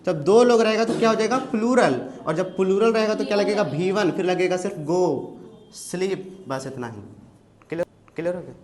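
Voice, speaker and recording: A man's voice: high voice, darkish tone. Indian man teaching a class. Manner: drills students with quick questions. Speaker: spoken English teacher. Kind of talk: classroom English lesson.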